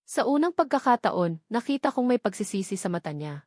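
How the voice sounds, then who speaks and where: A woman's voice: medium pitch, sing-song, brisk, darkish tone, no room sound, clean studio sound. Woman narrating a family drama. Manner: earnest, emotional storytelling. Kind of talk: first-person scripted drama narration.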